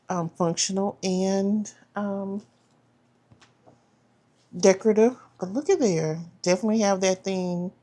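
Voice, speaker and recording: A woman's voice: mid-range voice, darkish tone. A woman chatting casually as she unboxes a planner subscription box, trailing off and restarting, and saying "y'all". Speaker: planner vlogger.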